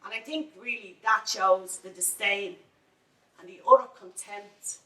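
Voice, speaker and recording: A woman's voice: mid-range voice, a little slow, pushed and bright. A woman with a Dublin accent speaking at a campaign panel, telling a story with growing indignation. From Ireland. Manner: indignant, storytelling, rising to anger. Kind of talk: impassioned panel talk. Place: large hall at a bookfair. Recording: echoey hall, voice from far off.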